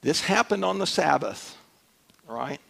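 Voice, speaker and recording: A male preacher giving a conversational sermon, often checking in with "right?" and sometimes dropping to a hush. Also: on the high side, lively intonation, a little slow, creaky.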